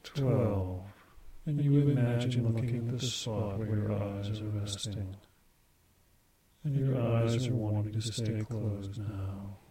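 A man guiding a scripted hypnosis induction, speaking softly and repetitively as he counts numbers. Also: fairly low pitch, steady tone, a little hiss or hum. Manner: slow, soft, repetitive counting.

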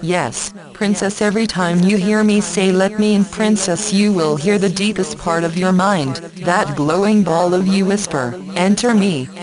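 A woman speaking slowly and softly in a guided hypnosis recording, repeating phrases in a gentle, coaxing way. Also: medium pitch, crowd noise. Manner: slow, soft, repetitive, coaxing. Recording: voice layered with its own overlapping echo track.

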